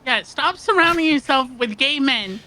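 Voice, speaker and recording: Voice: high voice, animated, moderate pace, sharp tone, poor audio. A player with a Minnesotan accent, teasing a friend over a call in a roleplay game. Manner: teasing, bossy. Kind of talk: casual in-game chat.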